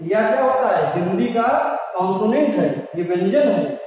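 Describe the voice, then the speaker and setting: A man's voice: sits high, lively intonation, normal speed, darkish tone. A man teaching an English grammar lesson in a classroom, who keeps putting questions to the class and then answering them himself. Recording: echoey classroom from far off.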